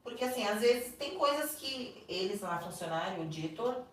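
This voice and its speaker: A woman with a Brazilian Portuguese accent tells a personal story as a podcast guest, animated and acting out other people's lines. She sits back from the microphone in a very echoey room, with a faint hiss underneath. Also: medium pitch, moderate pace. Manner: animated, acts out the voices of people in her story. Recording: echoey room, distant mic, faint noise.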